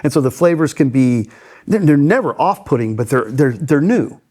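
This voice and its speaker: A man's voice: mid-range voice, animated, moderate pace, darkish tone. A man hosting a casual podcast chat, affirming his guest and repeating words as he talks. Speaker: podcast host.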